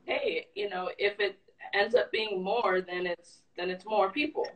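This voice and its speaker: A woman's voice: medium pitch, expressive, measured pace, a bit bright. Woman speaking from a distance. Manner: thoughtful, explains at length. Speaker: interview guest. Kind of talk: casual conversation.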